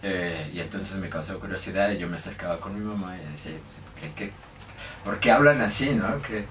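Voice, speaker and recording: A young Mexican man, accent clearly Mexican, is the guest in a casual interview, speaking briskly in a low, fairly bright voice. He hesitates often, with many fillers and restarts. The mic is distant, the room echoes, and there's faint noise.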